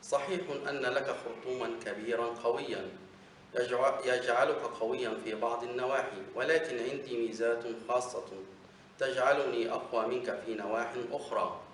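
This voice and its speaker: A man voicing a wise, sarcastic male camel in a children's story, reading calmly. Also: mid-range voice, moderate pace, natural voice. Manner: calm, mocking storybook voice. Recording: echoey room, distant mic, faint noise.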